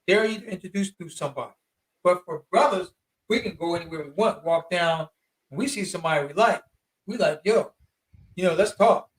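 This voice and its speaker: A man in his fifties with a notably high voice, talking as an interview guest. His delivery is animated and slangy, and he leans hard on his points. He sits a little back from the microphone. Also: fairly quick, recorded from a distance, rough recording. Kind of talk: casual storytelling.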